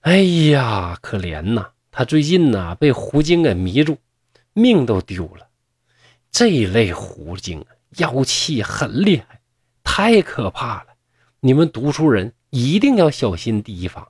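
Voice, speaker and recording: A man's voice: mid-range voice, big pitch swings, a little slow, darkish tone, breathy edge, no echo, clean studio sound, full character voice. A man voicing a sly young fox-spirit woman. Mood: sly warning.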